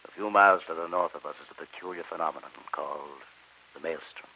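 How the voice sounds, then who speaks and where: An actor playing a brooding, bitter submarine captain in an old radio drama, speaking formally and deliberately with theatrical courtesy. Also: male voice, a bass voice, breathy edge, full character voice, low-quality recording. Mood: coldly courteous. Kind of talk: 1940s radio drama acting. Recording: old radio recording, loud organ music behind.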